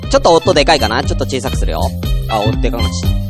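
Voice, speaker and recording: A man hosting an unedited solo internet radio show, grumbling and venting in a casual way, his voice getting hoarse. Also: mid-range voice, big pitch swings, very fast, music in the background. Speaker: host.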